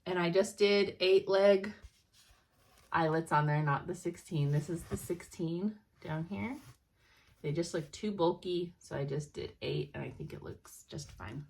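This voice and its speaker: A woman's voice: on the low side, unhurried, vocal fry, a little mellow. A young woman in casual, rambling chat as a cross-stitch vlogger at home, sounding sleepy and laughing often.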